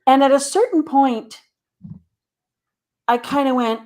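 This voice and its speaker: A middle-aged woman with a somewhat high-pitched voice talks as a guest in a casual interview. She sounds like a therapist explaining her path, conversational and explanatory. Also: takes it slowly, darkish tone. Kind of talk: casual interview, telling a career story.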